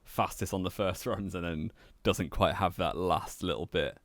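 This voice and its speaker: A young man co-hosting a casual motorsport podcast, relaxed and teasing, laughing often. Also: deep voice, moderate pace, no echo. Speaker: podcast co-host. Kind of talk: casual chat.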